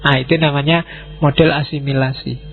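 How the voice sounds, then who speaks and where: A man's voice: a little high, fairly even intonation, a little fast, vocal fry, slight background noise. A man giving an informal philosophy lecture, talking conversationally and putting questions straight to his listeners. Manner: conversational, mixes in Javanese words, asks listeners directly. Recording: tinny phone-like recording with faint music.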